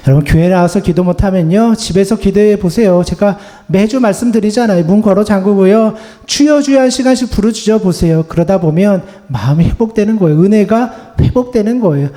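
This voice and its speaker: A man preaching a Sunday sermon as pastor, earnest and conversational, often ending his points with a gentle spoken refrain. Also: sits high. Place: church sanctuary.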